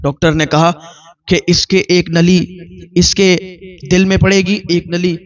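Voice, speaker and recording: A male preacher tells a moral story in an emotional sermon, building rhythmic, repeated lists. His voice sits notably high. The recording is dull and lo-fi. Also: flat delivery. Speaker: religious preacher.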